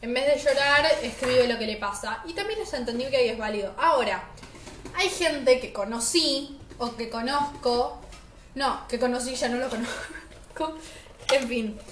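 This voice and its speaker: A teenage girl with a high voice and a Rioplatense Spanish accent, chatting emphatically in a casual spoken diary. Her voice sits in an echoey room with a faint hiss underneath. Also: expressive, normal speed, fairly bright tone. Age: teens. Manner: chatty and emphatic, talking while eating. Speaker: vlogger.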